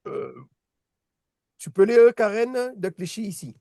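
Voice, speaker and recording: Man, teacher, fairly high voice, dry close sound, hesitant, restarts a lot, patient. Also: lively intonation, slow, vocal fry, dark tone, dry recording. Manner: hesitant, frequent restarts and repeated words; patient, checks understanding with "d'accord?". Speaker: Hebrew teacher. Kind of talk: casual online lesson.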